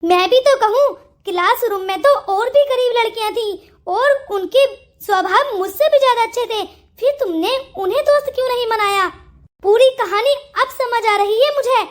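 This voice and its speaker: A woman's voice: extremely high pitch, moderate pace. A woman voicing an angry young ex-wife in a Hindi cartoon story, blunt and accusing. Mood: scolding. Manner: scolding, accusing.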